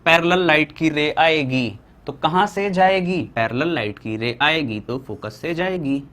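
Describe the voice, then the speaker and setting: A young Indian man teaching a physics lesson at a board, asking questions and answering them himself, slowing down to dictate definitions. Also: fairly high pitch, a bit bright. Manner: asks students questions and answers them himself, repeating key points.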